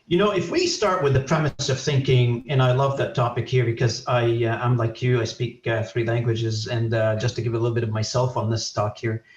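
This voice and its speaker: A man's voice: medium pitch, steady tone, brisk, hardly any pauses, reverberant, far from the mic, highs cut off. A man from Lebanon, a native Arabic speaker, hosting a podcast and rambling with many fillers and restarts. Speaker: podcast host. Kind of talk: casual conversation. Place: in Canada.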